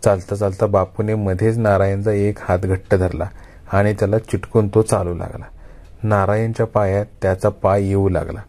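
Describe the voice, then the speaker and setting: A male storyteller reads a story aloud with measured, expressive phrasing. His voice is low-pitched and dark in tone. He builds the scene slowly and carefully. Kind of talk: Marathi kathakathan storytelling.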